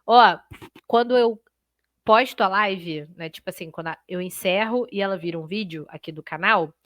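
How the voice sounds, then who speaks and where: A woman's voice: medium pitch, moderate pace, dry recording, highs cut off. Chatty woman teaching a live class. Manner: lively, chatty, talks straight to students with frequent "né?" and "ó". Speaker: Portuguese teacher. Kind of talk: live online exam-prep class.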